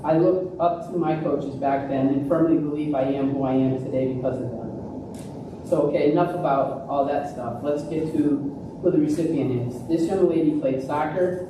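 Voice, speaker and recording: Woman, coach, earnest award speech, very echoey hall, distant noisy recording. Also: deep voice. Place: large echoey room at a live ceremony.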